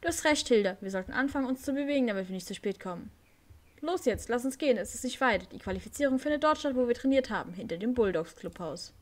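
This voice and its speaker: A woman's voice: a little high, lively intonation, fast talker, voice pushed up, natural voice. Woman reading nervous young rider Ricky. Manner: reads game text aloud with small slips.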